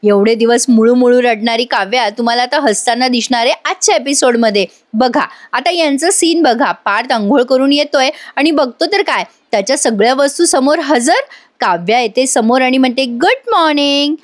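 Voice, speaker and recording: A woman's voice: high-pitched, moderate pace, no room sound, clean studio sound. A woman with a Marathi accent recapping a TV serial in a voice-over, talking straight to her viewers. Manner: chatty, addresses viewers directly. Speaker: TV serial reviewer. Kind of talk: episode recap voice-over, reading out dialogue.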